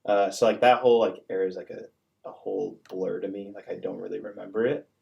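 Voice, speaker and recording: Young man with a flat, gravelly voice. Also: low-pitched, fast, dull audio. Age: young adult. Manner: earnest, filler-heavy. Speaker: student-athlete. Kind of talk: casual podcast chat.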